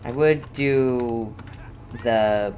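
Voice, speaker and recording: Over a very noisy recording, a mid-range voice belongs to a video game streamer doing casual live commentary and talking with viewers, halting and repeating words frequently.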